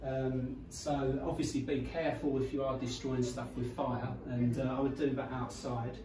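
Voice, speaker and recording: A man's voice: mid-range voice, level tone, normal speed, noisy background. A man talking loosely about his photos at an exhibition, with fillers. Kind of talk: informal gallery talk. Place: small gallery room with photos on the walls. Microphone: far camera. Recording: echoey room, distant mic, people around.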